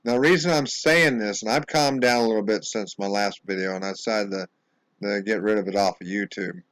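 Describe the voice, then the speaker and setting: An American man speaking a home video monologue in an indignant, insistent way, halting often and repeating words as he restarts his sentences. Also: on the low side, fairly bright tone, no echo, low-quality recording. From United States. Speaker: vlogger. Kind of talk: angry monologue to camera.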